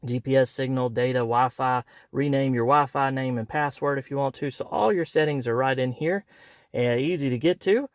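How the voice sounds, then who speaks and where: Male product reviewer, mid-pitch, folksy and easygoing, dry close sound. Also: moderate pace, no room sound. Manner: folksy, conversational, walks through steps. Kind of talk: casual product review demo.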